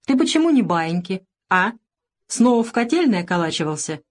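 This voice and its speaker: A woman's voice: mid-range voice, very animated, brisk. A woman voicing a mocking teenage boy who bullies the younger orphans, speaking with a sneer.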